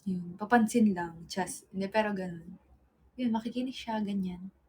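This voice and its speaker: A woman chatting casually on a livestream, mid-pitched and easygoing. She tells stories straight into her phone camera, calls her viewers guys and laughs often. A faint hiss sits behind her voice. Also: moderate pace, darkish tone.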